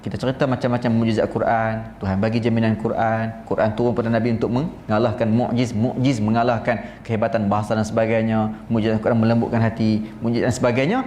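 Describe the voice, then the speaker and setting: A man with a northern Peninsular Malaysian Malay accent giving a religious lecture, telling stories in an animated way. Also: lowish voice, quick pace, hardly any pauses, slight background noise. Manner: animated storytelling, mimics recitation styles. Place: seminar room. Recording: roomy seminar room, faint ambience.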